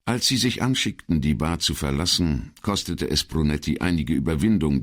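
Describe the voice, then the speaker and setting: A man narrating an audiobook in a measured, expressive reading. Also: rumbling low. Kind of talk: scripted narration.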